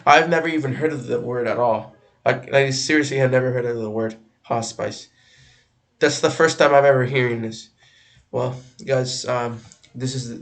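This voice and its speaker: A man chats his way through a reaction video in a relaxed, slangy manner. His voice carries a gravelly fry, and he stumbles and repeats words as he goes. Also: medium pitch. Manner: halting, repeats himself, slangy. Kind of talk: casual reaction commentary.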